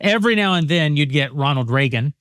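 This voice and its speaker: A man on a discussion panel, laying out an argument in measured, full sentences. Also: a little high, animated, fairly bright tone, smooth, dry recording, clean studio sound.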